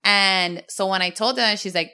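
A woman's voice: medium pitch, normal speed, pushed and bright, clean tone. A middle-aged woman from Miami, a podcast co-host telling stories in casual chat, quoting people she meets and laughing often. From United States (Miami). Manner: chatty storyteller, quoting others, laughing often.

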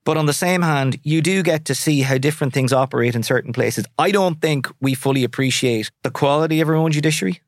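A man's voice: mid-range voice, fast, hardly any pauses, no room sound, clean studio sound. A man in his forties with a west of Ireland accent, answering interview questions in a candid, colloquial, conversational way. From Sligo, west of Ireland. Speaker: solicitor, interview guest.

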